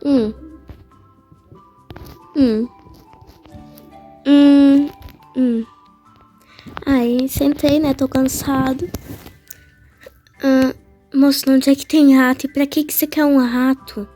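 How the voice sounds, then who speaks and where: A woman's voice: high-pitched, flat delivery, very slow, long pauses, dark tone, faint music behind. A woman giving casual gameplay commentary, chatty and playful, talking back to the game characters. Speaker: gaming channel host.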